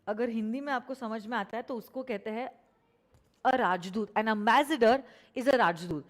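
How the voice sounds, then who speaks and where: Indian woman, law lecturer on a live class, slightly high voice, unhurried and emphatic, keeps asking students questions. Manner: switches between Hindi and English, repeats key phrases slowly for emphasis; addresses students directly, asks them questions.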